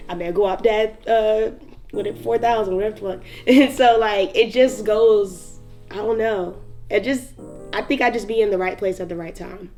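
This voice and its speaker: A young rapper from North Carolina with a Southern accent tells stories in a casual interview, her medium-pitched voice a little mellow. She's laid-back, laughs often, and says "like" a lot.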